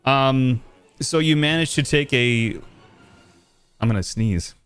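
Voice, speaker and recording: A man running a tabletop game as game master, talking in a relaxed, laughing way with many fillers. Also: mid-range voice, slow, smooth, soft background music. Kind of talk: narrating a tabletop game over voice chat.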